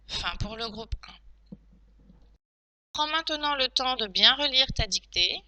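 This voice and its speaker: Slow, bright-voiced woman teacher. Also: high voice, lively intonation, no room sound, poor audio. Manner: slow, clear, deliberate dictation. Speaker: primary school teacher. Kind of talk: dictation lesson.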